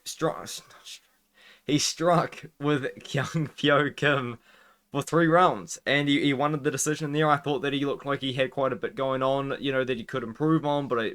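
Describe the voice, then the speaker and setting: A man's voice: a little high, fairly bright tone. A man giving casual, conversational fight preview commentary, with a slight lisp from wearing a retainer. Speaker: MMA fight prediction host.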